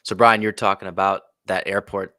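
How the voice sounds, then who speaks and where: A man telling a story as a podcast guest, animated and acting out what people said. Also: sits low, a little fast, no echo, clean studio sound. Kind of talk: casual storytelling.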